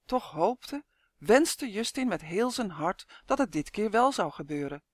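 A woman reading a children's storybook aloud with expressive, lively storytelling. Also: medium pitch, measured pace, dry recording, studio quality. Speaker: narrator.

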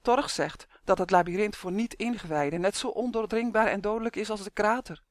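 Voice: mid-range voice, a little fast, no room sound, studio quality, pitched above the performer's own voice, natural voice. A reader voicing a stubborn, earnest young boy who insists with pleading emphasis, in an audiobook. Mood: determined. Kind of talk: audiobook character voice.

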